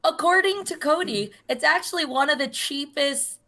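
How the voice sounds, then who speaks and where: A woman in her thirties talks casually as a podcast co-host. Her voice sits a little high and carries a slight vocal fry. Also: moderate pace, bright, forceful tone. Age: 30s. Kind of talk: casual chat.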